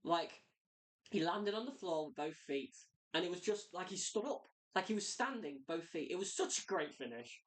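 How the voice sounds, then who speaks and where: Low-pitched woman reviewer, chatty and excitable, rambles freely. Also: moderate pace. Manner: excitable, rambling, many "like" fillers. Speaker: wrestling reviewer. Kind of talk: casual spoken review.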